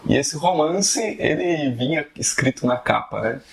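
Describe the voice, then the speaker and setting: A man's voice: a little high, animated, a little slow, vocal fry, a loud crowd. A man giving a casual, conversational video lesson on fiction writing, often tagging questions onto his sentences. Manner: conversational, frequent tag questions. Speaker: writing teacher.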